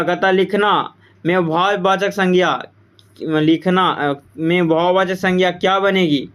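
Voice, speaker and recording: Guy teaching grammar for exams, kinda high clear voice, keeps asking then answering himself. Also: fairly bright tone. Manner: repeats answers with quiz-style questions to the class. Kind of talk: exam-prep grammar lesson.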